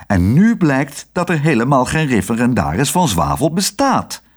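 Man doing a stern director, scolding, breathy, lively swings. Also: mid-range voice, moderate pace, voice pushed up. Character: stern angry male care home director.

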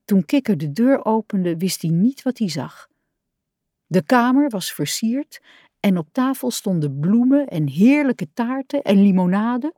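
Slow, expressive female reader for a children's audiobook. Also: mid-range voice, no room sound, clean studio sound. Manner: warm, expressive read-aloud. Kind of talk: children's storybook narration.

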